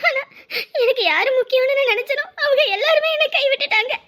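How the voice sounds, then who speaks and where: Woman voicing a young cartoon wife, sobbing, pleading, very high pitch, bright tone. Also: fast. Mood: weeping. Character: grieving young wife, desperate, tearful. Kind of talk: cartoon drama acting.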